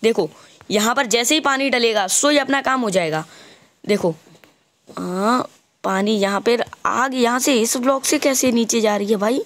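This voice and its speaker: A man giving casual gameplay commentary, chatty and walking the viewer through each step, stopping to fix his own mistakes out loud. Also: very high-pitched, unhurried. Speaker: gaming channel host.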